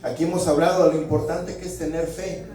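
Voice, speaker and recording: A man's voice: a little high, level tone, brisk, mellow. A man preaching a sermon and leading prayer with fervor, punctuating his phrases with calls to the Lord. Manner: fervent, peppers phrases with "Señor" and "gloria al Señor". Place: church hall. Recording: echoey hall, mic far off.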